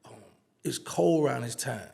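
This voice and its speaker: A man's voice: medium pitch, normal speed, creaky, husky. A man, an interview guest telling a casual story and acting out the dialogue. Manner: animated storyteller, acts out quoted dialogue.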